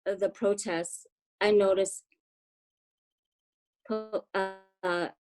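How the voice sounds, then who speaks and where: A woman's voice: mid-range voice, fairly even intonation, music in the background. A woman giving a hesitant account in an interview on a call, her voice fading and dropping out as the connection breaks up. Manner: hesitant, trailing off with many pauses. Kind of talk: personal account in a phone interview. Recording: faint breaking-up phone line.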